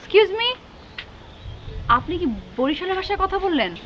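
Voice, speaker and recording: A woman's voice: a little high, big pitch swings, brisk, a little hiss or hum. A woman acting in a TV comedy drama who talks in a gushing, flirty way, with many breathless exclamations. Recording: dull lo-fi TV audio with music.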